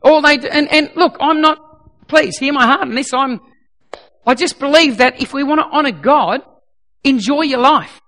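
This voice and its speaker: A middle-aged pastor with a slightly croaky, very high-pitched voice delivers a sermon at normal speed. He speaks emphatically and repeats his points, softening his voice when he turns to prayer.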